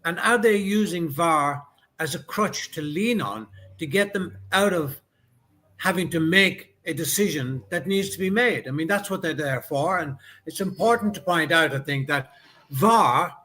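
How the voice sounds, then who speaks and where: A man's voice: on the high side, pushed and bright. A man, a former top-level referee, talking as a guest over a video call, thoughtful and questioning, with frequent ums. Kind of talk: casual chat on a video call. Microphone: video call mic.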